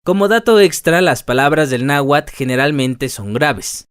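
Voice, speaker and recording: A man narrating a scripted language lesson, reading word lists slowly and deliberately. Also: a little high, animated, clear, resonant tone, no echo, studio quality. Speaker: language teacher.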